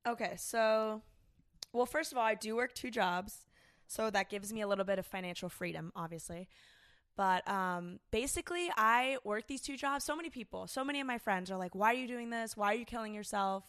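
A woman's voice: mid-range voice, fairly quick, a bit bright, no room sound, studio quality. A young adult woman co-hosting a podcast, talking casually and laid-back, with some swearing. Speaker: podcast co-host. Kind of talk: casual chat.

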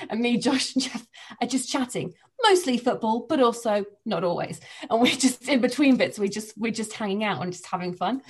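An English woman, a sports presenter, chatting casually on a podcast from home with quick laughs. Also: on the high side. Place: living room at home.

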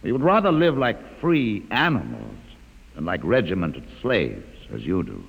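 Gravelly, wry mutant leader. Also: male voice, sits low, wildly swooping pitch, full character voice. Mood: calm, wry. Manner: measured, ironic, quietly commanding. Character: calm, wry, educated male mutant leader. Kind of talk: 1950s radio drama acting. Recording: old radio drama with long reverb.

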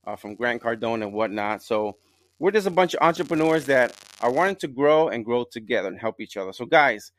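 A man's voice: mid-range voice, lively intonation, fairly quick. A middle-aged man hosting a podcast, introducing his guest in a loose, repetitive way. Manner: rambling, repeats himself. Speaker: podcast host. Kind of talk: casual interview.

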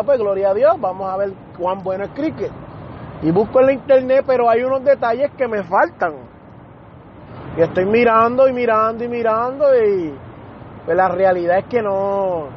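A man's voice: very high-pitched, muffled recording, slight background noise. A man hosting a podcast, telling a story in a casual monologue and acting out the other people's lines as he goes. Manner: animated retelling that acts out other people's lines. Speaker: podcast host.

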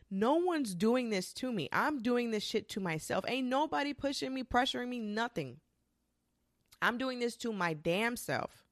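A woman in her twenties talking casually and candidly to the camera, swearing freely and rushing through quick bursts. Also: mid-range voice, fairly bright tone, dry recording, studio quality. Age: 20s. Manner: candid and profane, with frequent restarts and quick bursts. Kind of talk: casual confessional monologue.

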